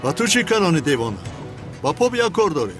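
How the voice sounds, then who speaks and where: A blunt demanding thug. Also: male voice, a little high, big pitch swings, over music. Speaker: dubbed film character.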